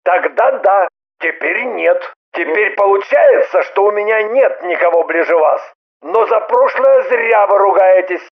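A woman's voice: medium pitch, expressive, measured pace, highs cut off, natural voice. A woman reading an audiobook and voicing a wry, teasing middle-aged man who argues stubbornly. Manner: dry joking, stubborn. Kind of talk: audiobook character voice.

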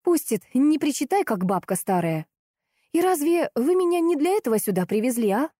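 Storybook part: a woman playing a sharp, scornful young woman, loud and biting, dry close sound. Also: fairly high pitch, expressive, normal speed, dry recording, pitched above the performer's own voice. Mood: heated. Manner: loud, snapping and sarcastic. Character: sharp, angry young woman, fiery and blunt.

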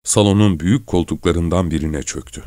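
Low-voiced man reading a story. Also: brisk, mellow, dry recording, clean studio sound. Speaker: audiobook narrator. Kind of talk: scripted literary narration.

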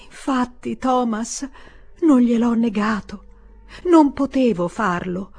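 A woman's voice: fairly high pitch, lively intonation, takes it slowly, darkish tone, slightly rough, pitched above the performer's own voice, heavily acted. A woman voicing an elderly widowed mother who pleads defensively and tearfully. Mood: pleading.

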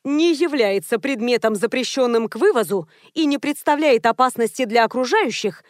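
A strict young border officer lays out the rules in stiff, official wording, as a woman reads her in an audiobook. The voice sits a touch high. The sound is dry and close. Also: animated, moderate pace, no room sound, lightly acted. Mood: officious. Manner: formal, officious phrasing.

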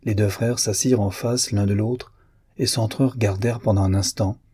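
Husky, low-voiced male narrator. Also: fairly even intonation, moderate pace, mellow. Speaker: audiobook narrator. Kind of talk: scripted narration of a classic novel.

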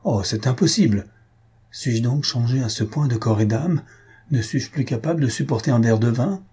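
A man's voice: medium pitch, normal speed, warm tone, husky. A man voicing a distraught, jealous young baron who speaks in agitated exclamations.

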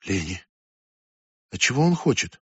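A man's voice: sing-song, a little slow, husky, dry recording, highs cut off, heavily acted. Male reader doing a frightened teen girl, panicky, audiobook. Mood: anxious, small. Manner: high, panicky insistence.

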